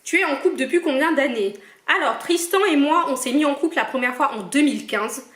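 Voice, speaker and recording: Answering viewer questions with a playful, teasing edge, a young woman from Cameroon hosts a casual Q&A vlog. Her high-pitched, fairly bright voice runs a little fast, and the room is echoey.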